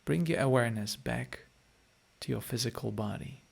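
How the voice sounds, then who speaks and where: A meditation teacher whose first language is Polish speaks directly to his listeners during a guided meditation and live-stream chat. He has a Polish accent and a heavily gravelly, creaky voice at a middle pitch, delivering short phrases at a moderate pace.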